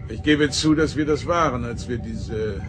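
An actor playing an authoritative, composed starship captain in a science-fiction radio play, firm and articulate. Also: male voice, mid-range voice, normal speed, lightly acted. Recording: radio play with loud music underneath.

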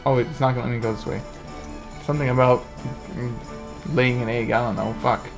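A man's voice: mid-range voice, steady tone, fairly quick, vocal fry, music in the background, poor audio. A man giving casual let's play commentary, offhand and jokey with some swearing.

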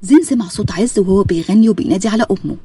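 A woman with an Egyptian accent narrating a romance story in a brisk, matter-of-fact way. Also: medium pitch, warm tone, breathy edge, no room sound.

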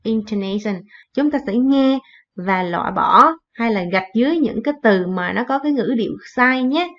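A woman's voice: on the high side, lively intonation. A woman teaching an English lesson, reading phrases and repeating them in translation. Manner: explains slowly, repeats in translation. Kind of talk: bilingual classroom lesson. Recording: dull lo-fi recording.

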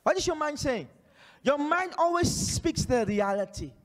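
A man from Namibia preaching a charismatic sermon on a large church stage into a handheld mic, shouting declarations and prophecies while he paces and gestures. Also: very high-pitched, very animated, moderate pace. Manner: pacing and gesturing energetically. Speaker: pastor. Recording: long hall reverb.

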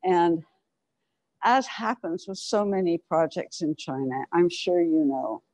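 A woman's voice: fairly low pitch, lively intonation, unhurried, darkish tone, no echo. An older woman speaking through a face mask, explaining things as she guides a group on an informal office tour, wearing a clip-on mic. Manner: explanatory, addressing a group while walking. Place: open-plan office, indoors. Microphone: clip-on lapel microphone.

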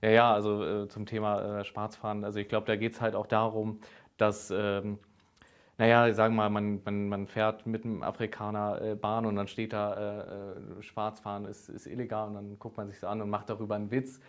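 A man's voice: on the low side, monotone, moderate pace, clean tone. A young man interviewing a professor, asking long questions with hesitant phrasing and many filler sounds.

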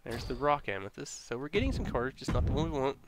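A man's voice: mid-range voice, big pitch swings, fast, very noisy. A man giving casual, off-the-cuff gaming commentary in a resigned, muttering way, often repeating himself. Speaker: gaming YouTuber opening card packs.

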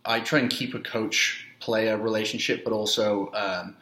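A young man in his twenties from Wales, a youth soccer coach, answering interview questions in a halting way with many fillers, recorded on a laptop webcam in a small room. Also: fairly low pitch, steady tone, sharp tone. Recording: roomy webcam audio.

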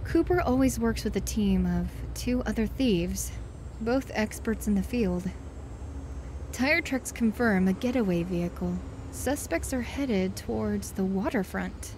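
A woman's voice: mid-range voice, expressive, measured pace, a little mellow, slight background noise, close to an everyday voice. A woman voicing a stern, hot-tempered fox police inspector in a comic fan dub, scolding and indignant. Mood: businesslike.

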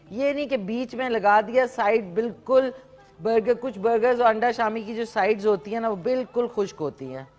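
Woman, TV host, cooking demonstration, animated chatter, medium pitch. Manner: chatty, animated, with frequent exclamations. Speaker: morning show host. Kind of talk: live cooking demonstration chat. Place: TV studio kitchen set.

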